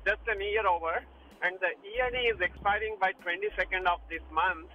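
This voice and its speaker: A man's voice: high voice, steady tone, soft background music. Man, caller, car speakerphone, driving in rain, hesitant restarts, muffled phone sound. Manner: hesitant, halting, many restarts. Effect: calling from a moving car on speakerphone. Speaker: caller to a radio advice show. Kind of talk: phone-in question.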